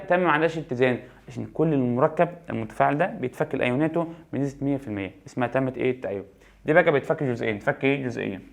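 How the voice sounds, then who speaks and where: A man's voice: medium pitch, gravelly. A man with an Egyptian Arabic accent giving a chemistry exam review, asking questions and answering them himself and repeating key points. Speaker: chemistry teacher.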